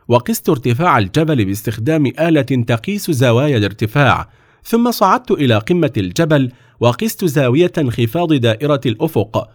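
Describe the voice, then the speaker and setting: A man voicing a calm, brilliant young scholar in a storybook reading, explaining politely and patiently. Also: mid-range voice, dry recording, clean studio sound, pitched above the performer's own voice.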